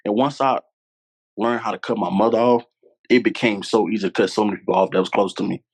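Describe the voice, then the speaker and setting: A fast talker with a lowish voice and fairly even intonation, this man is a podcast guest in his 20s from Louisiana, US. His storytelling is candid, conversational, and earnest, with points repeated for emphasis.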